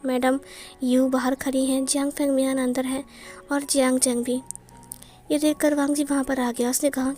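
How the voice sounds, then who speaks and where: Woman reading out a fan story, high but kinda flat, soft music under it. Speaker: fanfiction narrator. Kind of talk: storytelling narration, reading all parts. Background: soft background music.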